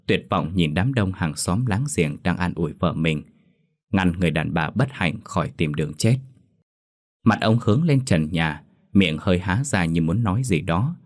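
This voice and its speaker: A man tells a horror story in a slow, solemn reading. His voice sits very low and stays even. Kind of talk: scripted horror story narration.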